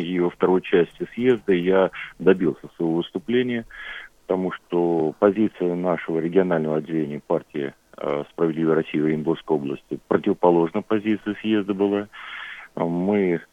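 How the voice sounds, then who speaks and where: A man, a regional party leader, speaking as a phone guest in a political interview, measured and formal with frequent hesitations. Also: low-pitched, no room sound. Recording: narrow phone line.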